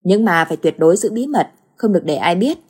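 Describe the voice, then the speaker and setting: A woman voicing a calm, serious older village man who speaks in a steady, reassuring way. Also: fairly low pitch, fast, husky.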